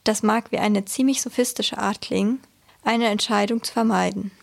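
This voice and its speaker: A woman reading a first-person memoir aloud in a measured, earnest way. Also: mid-range voice, fairly even intonation, gravelly. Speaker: reader.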